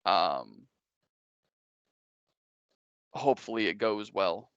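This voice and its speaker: A man acts out a burly, serious character in a tabletop game. He speaks slowly and haltingly, weighing his words, in a dry, slightly dull recording. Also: lowish voice, lively intonation, a bit bright, clear, resonant tone, no room sound, heavily acted. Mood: grave. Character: burly man speaking gravely of fragile alliances. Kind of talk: tabletop game role-play.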